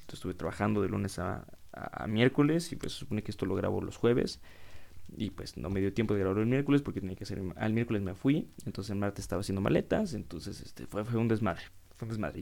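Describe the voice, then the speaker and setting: Gravelly young Mexican man, low voice. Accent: Mexican Spanish. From Querétaro, Mexico. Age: 20s. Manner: animated, slangy storytelling with frequent swearing. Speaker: podcast host. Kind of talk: casual solo podcast monologue.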